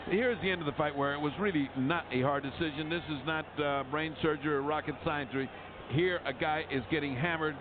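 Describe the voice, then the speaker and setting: A man's voice: fairly high pitch, fairly even intonation, fairly quick. Male fight analyst, emphatic and opinionated, narrow phone-like broadcast sound with heavy noise behind. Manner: emphatic, opinionated, repeats phrases for effect. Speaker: boxing colour commentator. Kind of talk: live fight commentary and analysis.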